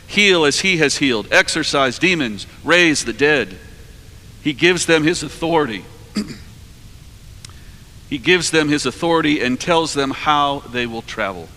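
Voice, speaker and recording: A man in his forties preaching a sermon from a cathedral lectern, measured and earnest, his phrases trailing off softly at the ends. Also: a little high. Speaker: priest preaching. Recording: long cathedral reverb.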